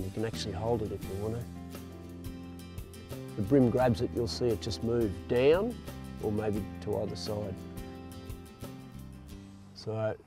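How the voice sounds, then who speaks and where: A man explaining lure technique while fishing outdoors on a jetty, in a relaxed, upbeat way. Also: mid-range voice. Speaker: angler demonstrating lures. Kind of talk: casual fishing demonstration. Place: outdoors on a marina jetty by the water.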